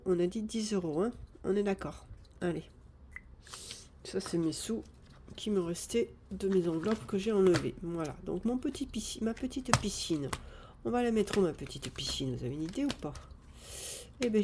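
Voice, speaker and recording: A woman chatting casually live on a phone camera, thinking out loud as she sorts and counts cash. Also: medium pitch, background noise. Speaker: budgeting vlogger.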